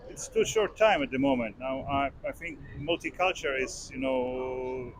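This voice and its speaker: A man's voice: medium pitch, normal speed, a crowd in the background, low-quality recording. A man with a Polish accent, giving brief, plain answers in simple English. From Poland. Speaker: interviewee. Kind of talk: casual street interview.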